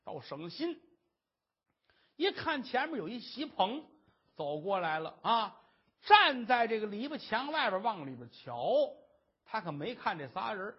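A man performing traditional Chinese storytelling, lively and dramatic, on a dull lo-fi recording. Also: unhurried, husky. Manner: lively, dramatic, shifting pitch.

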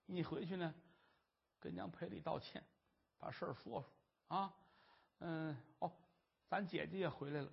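Guy doing a soft coaxing little brother, convict, husky voice, muffled tape. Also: a little high, measured pace, pauses often, heavily acted. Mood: gentle. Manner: gentle, coaxing. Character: kind younger brother, a convict under escort. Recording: dull lo-fi recording.

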